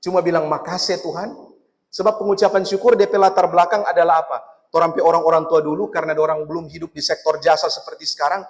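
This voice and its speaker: A male pastor preaching a lively sermon with a Manado Malay accent, often putting questions to his listeners. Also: on the high side. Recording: long hall reverb.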